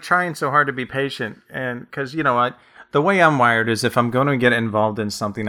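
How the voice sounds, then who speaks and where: A man with a fairly low voice that still sounds bright and forceful, talking through his writing process on a casual podcast. He tells stories at length and reflects as he goes. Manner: long rambling reflective storytelling. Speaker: author and podcast co-host.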